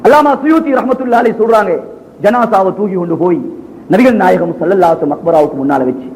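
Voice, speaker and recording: A man preaching a sermon with a Sri Lankan Tamil accent, telling stories in a lively way and acting out the dialogue. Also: high voice, quick pace, poor audio. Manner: animated storytelling with dramatized dialogue.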